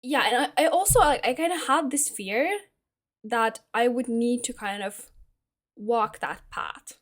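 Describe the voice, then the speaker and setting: A woman's voice: on the high side, measured pace. A young woman from Finland, talking casually to camera as a vlogger, hesitant and full of fillers as she searches for words. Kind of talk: casual personal monologue.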